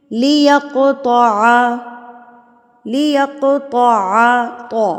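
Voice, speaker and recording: Casting: female Quran tutor, a bit high-voiced, patient drilling of sounds, long reverb. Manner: patient, repeats letter sounds to drill them; explains step by step, asks "theek hai?" often. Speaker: Quran recitation teacher. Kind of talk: tajweed lesson for beginners.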